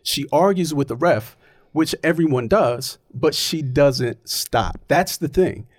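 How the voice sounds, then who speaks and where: A man's voice: on the high side, animated, slow pace, dry recording, clean studio sound. A man in casual, opinionated chat, arguing his point emphatically and often checking in with "right?".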